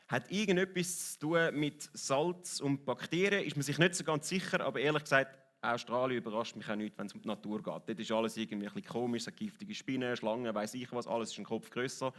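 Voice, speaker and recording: In a church hall, a pastor with a Swiss German accent preaches a sermon in a conversational, lightly joking manner, often asking his listeners "oder?". His voice is medium-pitched and fairly bright.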